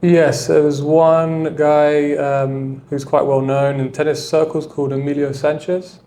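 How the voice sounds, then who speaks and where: A man's voice: fairly high pitch, level tone, measured pace, dark tone, a little hiss or hum. A man, a tennis coach, talking reflectively in a casual interview, with a loose flow of filler words. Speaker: tennis coach and mentor, guest.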